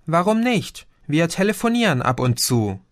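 A man's voice: on the high side, sing-song, moderate pace, no echo, clean studio sound, voice pushed up. A man reading an audiobook, voicing a chatty, cheeky young woman who often ends with "oder?". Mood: bright.

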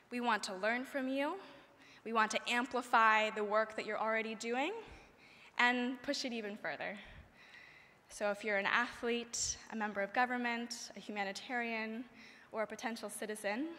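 A young woman delivers a measured, earnest speech from a podium in a large conference hall. Her voice is bright and sits a little high, and it carries a long reverberant tail from the room. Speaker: conference speaker. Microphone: podium microphone.

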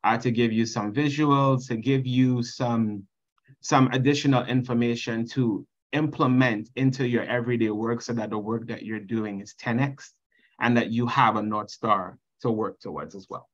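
A man's voice: medium pitch, steady tone, normal speed, muffled recording. Trinidadian man presenting on a video call. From Trinidad and Tobago. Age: 30s. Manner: earnest, reads slide text then explains. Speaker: conference presenter.

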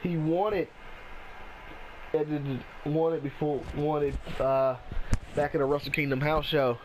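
A man's voice: a little high, fairly even intonation, noisy background. A man doing wrestling commentary over a video game match, casual and full of exclamations. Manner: exclamatory, drawn-out reactions. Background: video game wrestling arena sounds.

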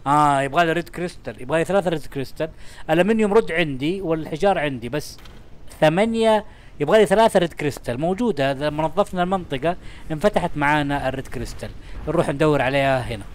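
Fast-talking man narrating a game. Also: on the high side. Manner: chatty and excitable, talking to the game and its items. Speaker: gaming channel host. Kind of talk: let's-play commentary.

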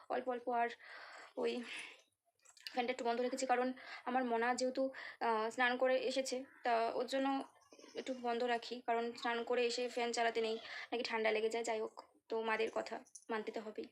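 Feeling unwell and sounding tired, a young Bengali-accented woman chats in a casual home vlog set in her kitchen and courtyard. Her voice is fairly high with some vocal fry.

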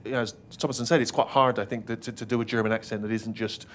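An actor answering questions at a press event, playful and quick to laugh. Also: male voice, lowish voice, steady tone, a bit bright, a little hiss or hum. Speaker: actor, interview guest.

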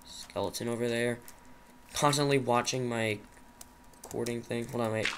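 Shaky young guy muttering over his minecraft run, bright voice, faint hiss and keyboard clicks behind. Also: medium pitch, fairly even intonation, normal speed. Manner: jittery, rambling, talks to himself. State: nervous, shaky. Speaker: gaming channel host. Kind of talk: Minecraft commentary.

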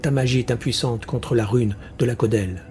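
A man's voice: mid-range voice, a little fast, mellow, a little hiss or hum, close to an everyday voice. A man doing a firm, threatening sorcerer. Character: resolute sorcerer, grown man, coolly threatening.

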